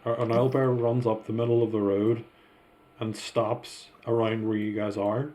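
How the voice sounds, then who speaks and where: A man running a tabletop game as game master, narrating scenes in a slow, descriptive way. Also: lowish voice, flat delivery, mellow.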